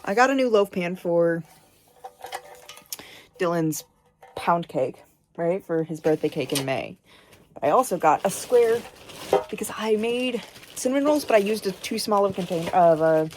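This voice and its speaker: A woman's voice: on the low side, expressive, moderate pace, pauses often, a little mellow, a little hiss or hum. Chatty young woman vlogging from home. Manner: chatty, rambling, swears casually. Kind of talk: casual vlog chat. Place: home kitchen, indoors. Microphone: camera on a stand nearby.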